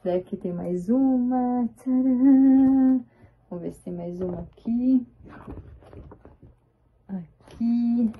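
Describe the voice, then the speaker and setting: Excited woman, tinny phone-like sound. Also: medium pitch, husky. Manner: excited, chatty, drawn-out exclamations. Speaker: vlogger. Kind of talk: casual chat showing a photo album.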